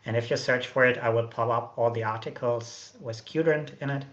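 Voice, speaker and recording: A man's voice: mid-range voice, steady tone, moderate pace. A man on a headset video call, explaining machine learning at a panel, with many "like" fillers. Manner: explanatory, many "like" fillers, quotes example phrases. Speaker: panelist from an AI company. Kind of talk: technical panel discussion over video call. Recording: dull roomy video-call audio.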